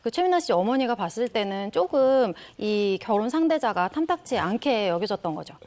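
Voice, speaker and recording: A woman with a fairly high, expressive voice lays out the facts on a studio panel. She speaks in a steady, explanatory way while her tone moves freely. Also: moderate pace, crowd noise. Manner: steady, informative, explains background clearly. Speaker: talk show panelist.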